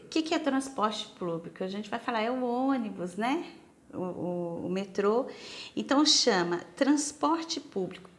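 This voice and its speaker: A Brazilian woman teaching English to senior students, speaking with a Brazilian Portuguese accent, patiently saying each word several times and asking the class to repeat. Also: fairly high pitch.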